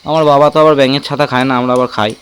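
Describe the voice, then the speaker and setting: A man's voice: medium pitch, steady tone, rapid-fire, fairly bright tone, clean tone. A man, chatting to camera and family in a casual outdoor village vlog. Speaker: family vlogger.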